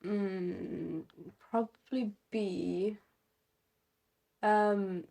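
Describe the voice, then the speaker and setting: A woman's voice: mid-range voice, fairly even intonation, very slow, creaky, dark tone. A young woman with a stuffy nose, co-hosting a casual podcast chat in an easygoing way with lots of laughter. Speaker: podcast co-host.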